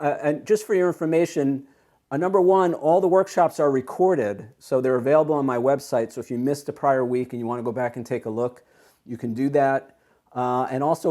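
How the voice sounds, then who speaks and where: A man's voice: a little high, dark tone. A man leading an online self-help workshop over a video call, explaining ideas step by step in an earnest, encouraging way. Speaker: workshop leader.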